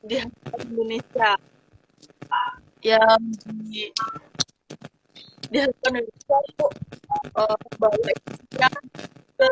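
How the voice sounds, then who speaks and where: A young woman talking hesitantly over a video call, pausing to search for words while her voice breaks up on a bad connection. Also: fairly high pitch, big pitch swings, creaky, slight background noise, poor audio. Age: young adult. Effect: voice breaking up over a bad online connection. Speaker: podcast guest speaker. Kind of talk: casual online chat.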